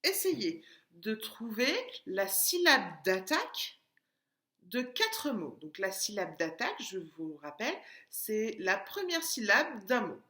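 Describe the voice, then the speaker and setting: A woman's voice: on the high side, bright, forceful tone. A woman teaching a lesson to young children, speaking patiently and stretching out syllables as she taps them. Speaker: preschool teacher. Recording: echoey room.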